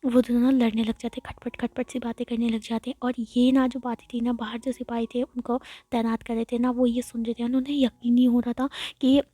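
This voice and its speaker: Woman storyteller, casual fan-fiction retelling, chatty, dark tone, dry close sound. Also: on the high side, flat delivery, a little fast, few pauses, dry recording. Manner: chatty, with frequent fillers and restarts.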